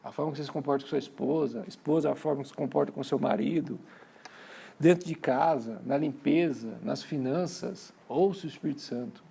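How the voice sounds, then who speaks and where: A man's voice: a little high, a little fast, vocal fry, mellow, slightly rough. A man with a Brazilian Portuguese accent preaching at a church conference, chatty and storytelling, repeating phrases and calling the crowd brothers. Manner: conversational, tells family stories with acted-out quotes.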